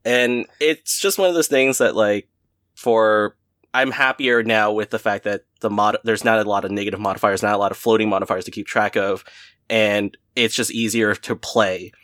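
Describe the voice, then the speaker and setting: A man's voice: on the low side, steady tone, moderate pace, fairly bright tone, dry recording. Man, guest game master, casual podcast chat, rambling with restarts, dry close sound. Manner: rambling, many restarts, laughs often.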